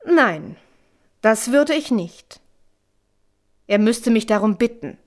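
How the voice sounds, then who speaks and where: A woman reading a calm, wise mother. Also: on the high side. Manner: calm and measured. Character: calm, wise mother, middle-aged woman, steady and dry. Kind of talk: storybook reading.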